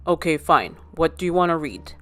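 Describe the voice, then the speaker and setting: A woman's voice: deep voice, sing-song, brisk, fairly bright tone, soft background music, pitched below the performer's own voice. A woman voicing an impatient older brother, blunt and grudging. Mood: grumpy. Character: grumpy older brother, preteen boy.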